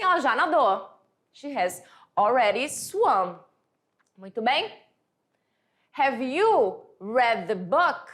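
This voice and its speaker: A woman teaching English to high school students, explaining patiently and reading the English examples out slowly. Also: a bit bright. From Brazil. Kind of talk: classroom lesson explanation.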